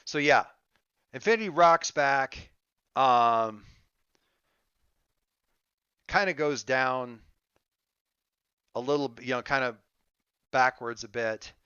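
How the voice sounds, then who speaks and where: Bright, halting male game master. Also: mid-range voice, clean tone, no room sound, dull audio. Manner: halting, thinking aloud. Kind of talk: improvised tabletop game narration, casual.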